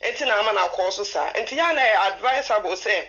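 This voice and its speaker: A woman's voice: medium pitch, lively intonation, fast, a bit bright. A woman with a Ghanaian accent giving informal advice as a caller to a phone-in show. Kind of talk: informal advice, switching between languages. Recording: dull band-limited call-in line.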